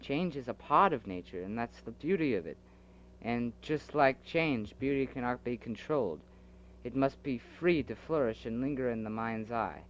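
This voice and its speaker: A man with a mid-range voice and lively intonation talks at normal speed in a home-made audio drama, captured on a low-quality recording with faint old-cassette hiss. As an amateur playing several roles, he debates philosophy in earnest, stumbling over repeated restarts.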